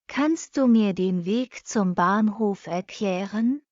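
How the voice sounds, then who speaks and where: A woman reading short practice sentences for a language lesson, saying each one twice, slowly and evenly. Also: medium pitch, no echo. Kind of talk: slow repeated phrase reading for learners. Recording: dull lo-fi dry recording.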